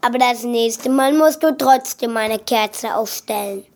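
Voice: medium pitch, measured pace, close to an everyday voice. A performer playing an eager young schoolboy who talks insistently to his mother in a children's audio drama.

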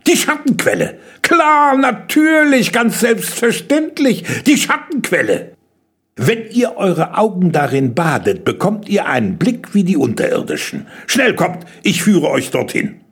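A man's voice: on the high side, huge pitch swings, creaky, breathy edge, heavily acted. A man voicing a tiny, impatient gnome king from underground who grumbles and scolds. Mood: gleeful. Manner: grumbling, scolding, quick to complain.

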